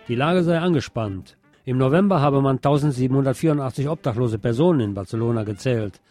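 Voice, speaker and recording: A man with a warm, mid-range voice reads radio news from a script in a measured bulletin style.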